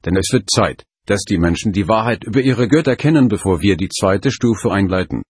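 Mann als uraltes Himmelswesen: ruhig, bestimmt, tiefe raue Stimme. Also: male voice, lowish voice, husky, dry recording, clean studio sound. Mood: solemn. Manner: calm, measured. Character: ancient otherworldly male voice, calm and commanding.

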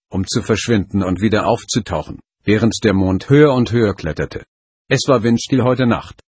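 A man reading a first-person story aloud in a steady, measured way. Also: fairly low pitch, husky, dry recording, studio quality. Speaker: audiobook narrator. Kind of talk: scripted first-person narration.

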